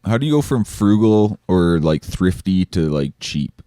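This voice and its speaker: A man with a very low, dark voice tells rambling anecdotes in relaxed podcast chat. The sound is dry and close on the mic. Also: a little slow, dry recording. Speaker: podcast co-host. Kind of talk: casual chat.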